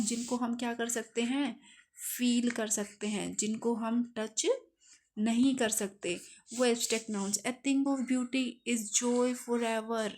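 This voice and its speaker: A woman with a Hindi accent teaching English grammar for exam prep. She asks questions, answers them herself, and reads each example sentence slowly. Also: on the high side, a little mellow.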